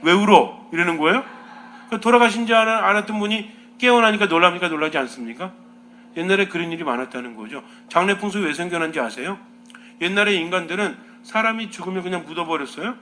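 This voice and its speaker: Man, priest, homily, questioning teaching tone, fairly high voice, faint background hum. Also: quick pace. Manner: asks the listeners many questions, lively teaching tone.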